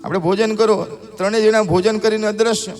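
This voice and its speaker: A male preacher telling a devotional story in a sermon, acting out the characters with drawn-out calls. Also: sits high, fairly even intonation, faint music behind. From Gujarat. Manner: acts out characters' voices in a drawn-out calling tone.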